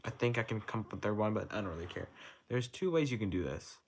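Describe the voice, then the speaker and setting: This is a fast-talking young man with a lowish, expressive voice, casually walking through a rhythm game chart. He calls out note timings and lets a swear word slip as he starts his sentences over. The tutorial is backed by rhythm game music and slight background noise.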